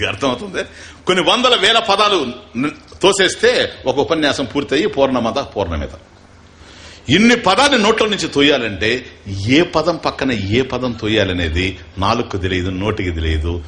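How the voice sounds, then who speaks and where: A man's voice: medium pitch, big pitch swings, normal speed, long pauses, fairly bright tone. A man teaching as a spiritual teacher in a scripture discourse, asking his listeners rhetorical questions and chanting verses.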